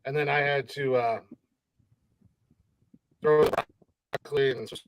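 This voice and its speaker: A man's voice: mid-range voice, fairly even intonation, unhurried, noisy background. Man with glitching, dropping call audio. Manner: loose, joking, rambling. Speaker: podcast co-host. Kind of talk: casual chat over a video call. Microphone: video call.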